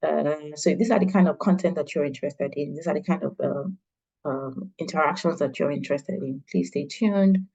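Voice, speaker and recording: A woman hosting an online launch meeting, talking in a halting way with many fillers and restarts. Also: low-pitched, gravelly, mellow, slightly rough, muffled recording. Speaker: event host.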